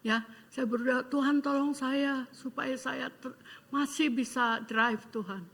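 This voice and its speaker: A woman in her eighties, a pastor, giving a heartfelt sermon testimony with fervent, pleading prayers and hesitant pauses, mixing in English words. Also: sits high, fairly bright tone. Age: 80s.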